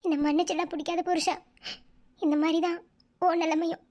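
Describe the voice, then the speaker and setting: Cartoon wife, madurai accent, real high, teasing. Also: female voice, level tone, brisk, a little mellow. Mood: tender. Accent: Madurai Tamil. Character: young pregnant wife, spirited and teasing.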